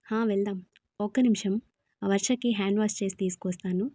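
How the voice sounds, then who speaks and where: A woman's voice: medium pitch, fairly even intonation, a little fast, warm tone, no echo, studio quality, close to an everyday voice. A woman voicing a frightened young woman pleading for help in a storybook. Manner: pleading, tearful.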